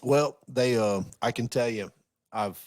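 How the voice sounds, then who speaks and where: A man's voice: medium pitch, measured pace, a little mellow, no room sound. A man co-hosting a podcast, chatting casually in a folksy way, with frequent laughs and repeated words. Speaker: podcast co-host. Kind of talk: casual chat.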